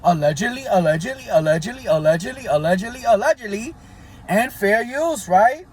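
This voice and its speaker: A man's voice: high-pitched, expressive, a little fast, breathy edge. A man hosting a casual commentary vlog, talking in a conspiratorial tone and constantly checking in with his viewers. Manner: conspiratorial, keeps asking "right?" and hedging "allegedly". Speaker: channel host.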